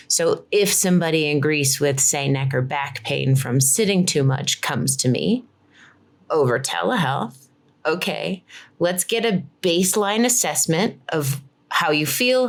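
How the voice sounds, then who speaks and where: Over a video call, a physical therapist from Colorado talks about her job in a conversational interview. Her voice sits low, and she explains things enthusiastically, saying "like" a lot.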